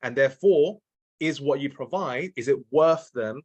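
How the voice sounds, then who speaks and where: A man's voice: medium pitch, normal speed, a little mellow, breathy edge, lo-fi sound. A man teaching sales calls in a casual, repetitive way, restarting his sentences and checking in with "okay?" and "right?" as he goes. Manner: drops in mild swearing. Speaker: sales trainer. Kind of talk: casual training talk.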